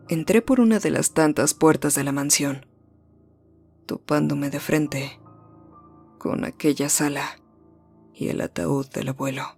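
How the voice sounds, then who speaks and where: A narrator reading a first-person horror story in a measured, suspenseful way, slowing down and dropping low at the tense moments.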